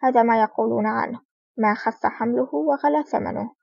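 A woman's voice: on the high side, brisk, creaky, slightly rough, no room sound. A woman reading as a sly, confident male agent. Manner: calm, smiling, sly. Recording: dull lo-fi recording.

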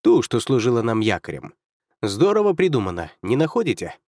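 Cheerful young officer, read by a man narrator: lifted, brisk, amused, dry recording. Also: medium pitch, no room sound, close to an everyday voice. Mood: cheery, amused. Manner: brisk, amused, raised lively voice. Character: cheerful stocky young male military officer. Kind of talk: audiobook character voice.

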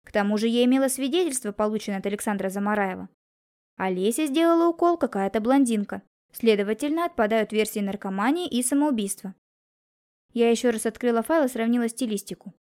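A woman giving calm, composed first-person narration of a detective story for an audiobook. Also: fairly high pitch, fast.

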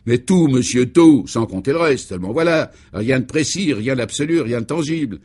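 A man playing an excitable, pompous male security chief in a radio serial, who talks in an emphatic, declamatory way. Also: medium pitch, moderate pace, husky, voice pushed up. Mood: vehement. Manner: agitated and exclamatory. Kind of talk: 1950s-style French radio serial acting.

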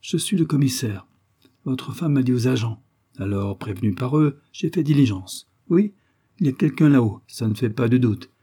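A man's voice: medium pitch, lively intonation, moderate pace, warm tone, slightly rough, pitched above the performer's own voice. A man voicing a pompous, blustering police commissioner who barks orders in a raised voice. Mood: commanding. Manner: bossy, repeats "no doubt about it".

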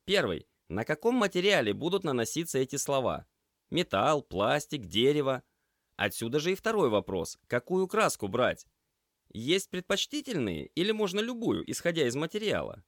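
Guy doing a bouncy young dude, way higher than his own voice, jumpy and teasing, dry sound. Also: very animated, a bit bright, no room sound. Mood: businesslike. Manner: brisk, upbeat and teasing. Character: cheerful energetic young male paramedic trainee.

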